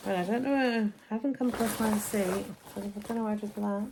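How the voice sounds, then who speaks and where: A woman's voice: mid-range voice, fairly even intonation, brisk, background noise. A woman chatting to camera in a casual shopping haul vlog, recorded as a phone video while she unpacks her shopping. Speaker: vlogger. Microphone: phone camera, filmed as a phone video.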